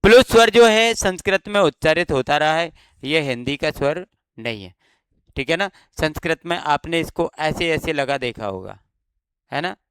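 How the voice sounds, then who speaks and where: Clear-voiced man teaching grammar. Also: on the high side, lively intonation, a bit bright, dry recording. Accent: Rajasthani Hindi. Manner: explanatory, asks and answers his own questions, drawn-out demonstration sounds. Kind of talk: exam-prep grammar lesson.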